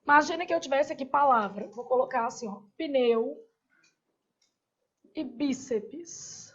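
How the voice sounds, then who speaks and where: A woman's voice: high-pitched, a little fast, fairly bright tone, dull audio. A woman with a Brazilian Portuguese accent teaching an online grammar lesson, asking her students questions and answering them herself.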